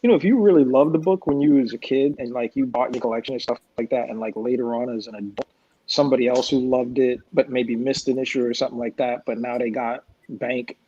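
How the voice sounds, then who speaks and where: A man's voice: mid-range voice, quick pace, slightly rough, no echo. Man on a dull lo-fi line. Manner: relaxed, thoughtful, repeats words when starting thoughts. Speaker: guest comics creator. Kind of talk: casual panel chat. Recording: dull lo-fi livestream audio.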